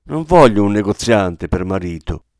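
A man's voice: lowish voice, sing-song, normal speed, darkish tone, dry recording, studio quality. A man reading the lines of a proud, idealistic young woman in a radio reading. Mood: firm.

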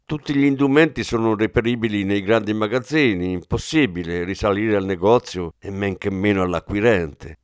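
A man's voice: fairly low pitch, normal speed, hardly any pauses, clear, resonant tone, no room sound, clean studio sound, lightly acted. A man reading an audiobook, playing a polite, dutiful male forensics officer who reports formally. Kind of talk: audiobook character voice.

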